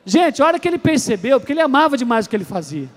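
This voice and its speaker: High-voiced male preacher telling stories. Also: big pitch swings, rapid-fire. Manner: storytelling, acts out voices, swings between soft and loud. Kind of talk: sermon.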